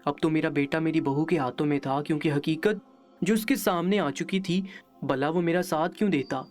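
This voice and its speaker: A woman telling a moral story in the first person, in a steady, measured reading. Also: sits low, soft background music.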